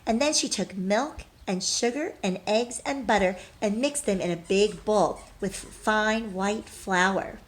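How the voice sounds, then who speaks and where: A woman teacher with a medium-pitched voice reads a storybook aloud with lots of expression, pausing to ask questions of her young listeners.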